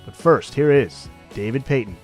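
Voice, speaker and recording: A man hosting a podcast, reading a lively scripted intro and then interviewing his guest. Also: mid-range voice, normal speed, faint music behind. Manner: upbeat announcer-style delivery. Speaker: podcast host.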